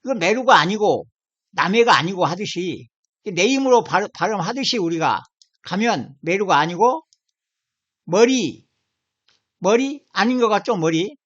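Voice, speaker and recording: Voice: medium pitch, expressive, unhurried, pauses often, breathy edge. A channel host explaining word by word while pointing at a screen and repeating key words again and again. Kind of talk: casual explanatory talk over an on-screen dictionary. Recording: slightly dull lo-fi sound.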